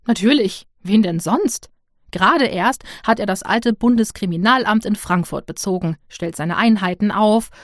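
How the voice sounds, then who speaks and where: Woman doing fussy indignant older official, raised pitch, dry close audiobook read. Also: normal speed, no room sound, natural voice. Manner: animated, indignant scolding. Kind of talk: audiobook character voice.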